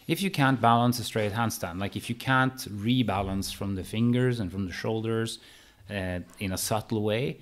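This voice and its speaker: A man's voice: on the low side, moderate pace. A man co-hosting a podcast as a handstand coach, thinking aloud with frequent restarts and fillers. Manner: hesitant, restarts often while thinking aloud. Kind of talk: casual podcast conversation.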